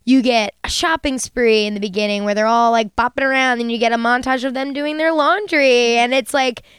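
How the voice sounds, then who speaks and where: Chatty, gushing woman with a bright voice. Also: a little high, a little fast, clear, resonant tone, no room sound, clean studio sound. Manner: gushing, profane, chatty storytelling. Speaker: podcast co-host. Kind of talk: casual chat.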